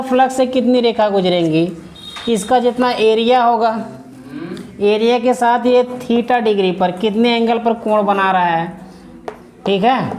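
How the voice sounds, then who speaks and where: A man's voice: high voice, a little mellow, roomy sound, a little hiss or hum. Quizzing teacher, man, repeating key words. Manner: asks questions and answers them, repeating key words. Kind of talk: classroom physics lesson.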